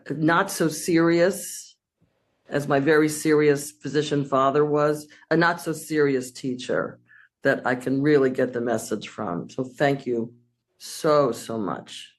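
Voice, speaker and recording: Effusive, rambling woman. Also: sits low. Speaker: former student. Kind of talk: casual thank-you speech.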